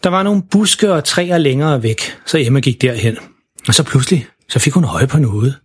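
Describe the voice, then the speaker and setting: A man's voice: mid-range voice, expressive, breathy edge. A man narrating a children's story in simple, plain storytelling.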